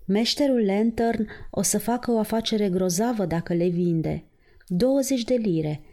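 A woman voicing a sharp-tongued, greedy middle-aged innkeeper's wife who scolds curtly in an audiobook reading. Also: medium pitch, close to an everyday voice. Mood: scornful. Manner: curt, scolding.

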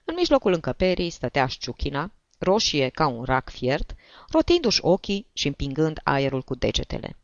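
A woman narrating a story in an expressive reading style. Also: low-pitched, dry recording. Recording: dull lo-fi recording.

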